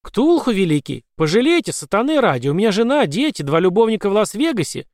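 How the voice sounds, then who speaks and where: A man voicing a panicky male demon office clerk who whines and pleads in a shrill voice. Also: animated, fast talker, dry recording, studio quality. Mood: pleading. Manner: desperate, whining.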